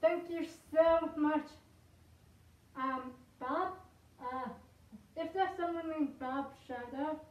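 Woman, speaking through a costume head, high voice, rambling and halting, echoey room, far from mic. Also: a little mellow. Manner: rambling, halting, self-conscious. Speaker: video creator. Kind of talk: casual chat to camera.

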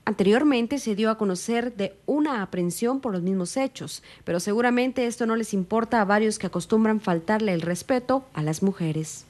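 Female news anchor, measured scripted delivery, mid-range voice. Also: medium pitch, darkish tone.

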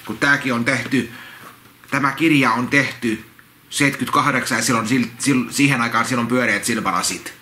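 A man reads a children's picture book aloud and keeps drifting into rambling, repetitive commentary full of false starts. His voice is bright and forward. The room is echoey, with faint noise underneath. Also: mid-range voice, fairly even intonation. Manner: repetitive, halting, full of restarts and asides. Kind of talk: casual read-along with rambling commentary. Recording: roomy echo, faint background noise.

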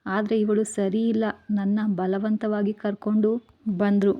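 A tipsy young bride, playful and clingy, poking at her husband with childlike teasing questions, as a woman reads her in a storybook. The voice sits at an ordinary middle pitch, and the recording sounds dull and lo-fi. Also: little pitch movement, a little slow, lightly acted. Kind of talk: storybook reading.

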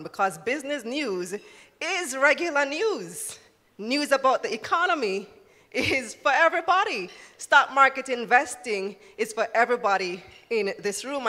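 A woman's voice: mid-range voice, pushed and bright. A woman giving a live talk to an audience as a finance journalist, engaging and asking the room questions. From Jamaica. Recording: reverberant hall.

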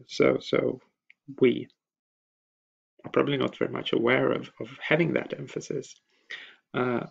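A man giving a recorded slide lecture, explaining step by step with hesitant pauses and frequent filler sounds. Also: mid-range voice, gravelly, darkish tone. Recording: dull lo-fi voice recording.

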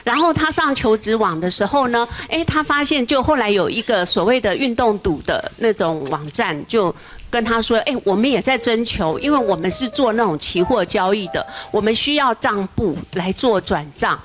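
A woman's voice: a little high, lively intonation, normal speed. A woman police officer explaining things in a casual TV talk-show way, dropping frequent "ha" tag particles. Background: background music.

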